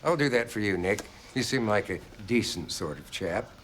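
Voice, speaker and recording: A man's voice: fairly low pitch, expressive, normal speed, fairly bright tone, a little hiss or hum. An actor playing a good-natured older man, a longtime station employee, in a sitcom. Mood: easygoing. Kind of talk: sitcom acting.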